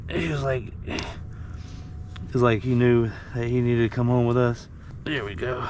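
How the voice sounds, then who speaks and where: Male outdoor vlog host, folksy and unhurried, mid-range voice, some outdoor noise behind. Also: mid-range voice, steady tone, a little mellow. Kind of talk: casual vlog narration. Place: outdoors, by water and at home. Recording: outdoor noise, water sounds.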